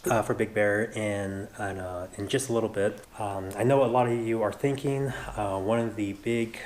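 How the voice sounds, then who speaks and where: Low-voiced American man vlogging. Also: darkish tone. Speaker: running vlogger. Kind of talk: casual vlog talk to camera.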